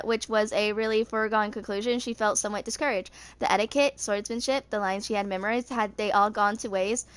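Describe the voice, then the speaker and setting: A woman in her twenties, a video creator, reads game lore aloud in an amateur way, stumbling over words and correcting herself. Her voice is on the high side and fairly bright, with no echo.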